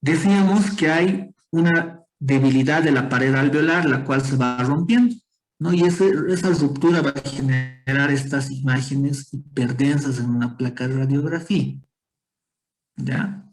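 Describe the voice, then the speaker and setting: A man's voice: medium pitch, a little slow, poor audio. A man teaching a medical class online, explaining step by step and calling on students with questions. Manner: explanatory, quizzes students, frequent tag questions. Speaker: medical lecturer.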